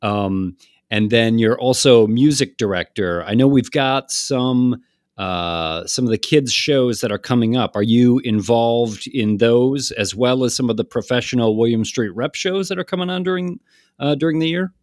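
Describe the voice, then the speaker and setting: A man's voice: medium pitch, moderate pace, dry recording, clean studio sound. A man hosting a casual podcast interview, feeling out his questions with repeated words. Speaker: podcast host.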